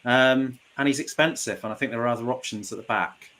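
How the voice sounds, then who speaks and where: A British man speaks as a podcast panellist in casual discussion. He has a mid-pitched voice and lays out his points in a measured way. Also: a bit bright.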